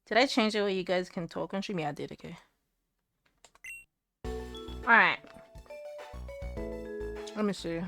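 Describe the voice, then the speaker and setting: A woman's voice: fairly low pitch, measured pace, vocal fry, long pauses, sharp tone, no echo, soft background music. A woman streaming from home, chatting casually and rambling to her chat while fixing her setup, close to a desk mic.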